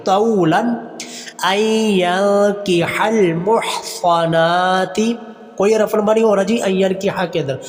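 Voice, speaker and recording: A male Quran teacher giving a recitation lesson, drawing out slow chanted phrases and then explaining in quick, plain speech. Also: high voice, a little mellow, big-room sound.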